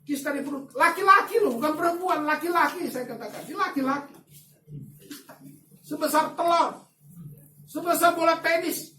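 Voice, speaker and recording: A male pastor delivers a sermon in an animated storytelling way, dropping into quiet asides and then rising into loud, emphatic bursts. His voice sits some way from the microphone. It rings in an echoey church hall over faint ambient noise. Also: extremely high pitch, normal speed, pauses often, far from the mic.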